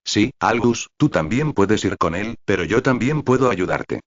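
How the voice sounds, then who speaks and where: A man's voice: fairly low pitch, animated, unhurried. A man reading the lines of a nervous, stout older professor, defensive and irritable. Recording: dull lo-fi audio.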